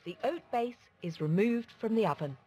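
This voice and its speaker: A woman's voice: a little high, lively intonation, normal speed, dark tone, a little hiss or hum. A woman with a British accent reading scripted cookery narration as a presenter. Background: music.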